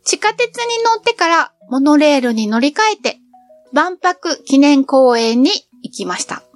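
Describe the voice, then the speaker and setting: On a dry recording with faint music underneath, a middle-aged travel vlogger talks about her travels at a measured pace. She is cheerful and chatty, her high voice rising and falling in lively, animated swoops.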